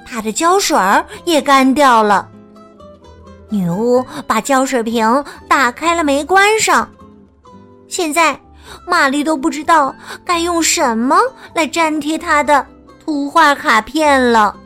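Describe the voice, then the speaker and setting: 一位女士给孩子讲睡前绘本故事，语调温柔，像唱歌一样拖长。. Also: female voice, high-pitched, faint music behind. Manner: gentle, sing-song, drawn-out storytelling. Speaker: children's storyteller. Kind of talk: bedtime picture-book narration.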